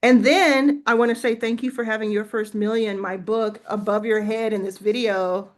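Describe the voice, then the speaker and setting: A woman hosts a business-coaching livestream in a fairly even, higher-pitched voice at normal speed. The chat is casual; she encourages viewers, gives feedback and thinks out loud.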